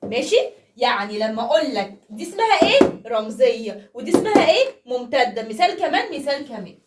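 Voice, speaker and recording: High-voiced Egyptian woman teaching math. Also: big pitch swings, fast talker, reverberant, far from the mic, heavy background noise. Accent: Egyptian Arabic. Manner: playful, chatty, with frequent rhetorical questions. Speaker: primary school math teacher. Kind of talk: casual classroom explanation to young children.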